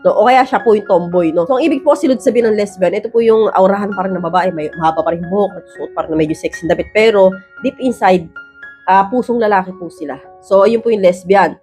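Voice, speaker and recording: Woman, advice vlog host, very rapid speech, roughened voice, tag questions, faint music behind. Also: medium pitch, a little mellow. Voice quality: voice roughened from rapping. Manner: rapid, blunt delivery she calls man-like; constant checking tag questions. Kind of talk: casual advice talk to viewers.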